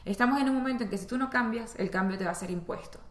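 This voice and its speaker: A woman's voice: fairly high pitch, racing. A woman from Venezuela with a Venezuelan accent, giving a spiritual self-help talk and speaking straight to the listener in a conversational way. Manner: conversational, addresses listener directly. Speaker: spiritual teacher and astrologer. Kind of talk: spoken self-help monologue. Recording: echoey room.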